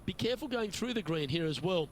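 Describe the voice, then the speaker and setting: A golf game announcer, informative and measured, voice a bit high, noisy outdoor background. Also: male voice, lively intonation. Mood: advisory. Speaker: golf commentator. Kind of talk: scripted sports commentary.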